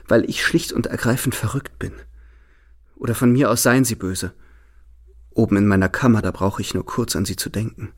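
A man giving a dramatic reading of a novel as a feverish young man in love, shifting between hushed words and sudden exclaiming. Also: mid-range voice. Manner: impassioned, swings from hushed to exclaiming. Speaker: narrator.

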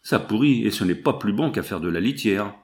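A grumbling, middle-aged farmer drags out his woes in slow, plaintive phrases, as a male reader puts him on. His voice sits fairly low. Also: expressive. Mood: complaining.

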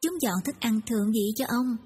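A woman narrates the tale in a steady, somewhat husky voice that sits a little high. The recording sounds like it was made in a long-echoing hall. Soft music plays underneath. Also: brisk. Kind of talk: storytelling narration. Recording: reverberant hall, music behind.

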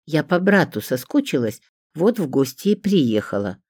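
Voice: mid-range voice, very animated, normal speed, a little mellow, no room sound, clean studio sound, pitched above the performer's own voice. A reader voicing an indignant, scornful woman who hisses and shrieks at her neighbours in a storybook. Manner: hissing, indignant. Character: shrill scornful woman, estranged mother.

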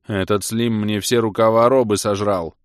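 Male narrator as a hard-done-by prisoner, fast patter, dry sound. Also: fairly low pitch, steady tone, no echo, natural voice. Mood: complaining. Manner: rattling off words, complaining. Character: put-upon male prisoner, quick patter.

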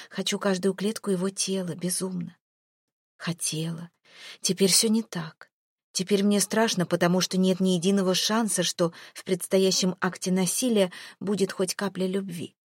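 A woman's voice: medium pitch, a little mellow, slightly rough, no room sound, studio quality. A woman reading a first-person romance novel aloud with dramatic emotion, sometimes dropping to a whisper. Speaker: audiobook narrator.

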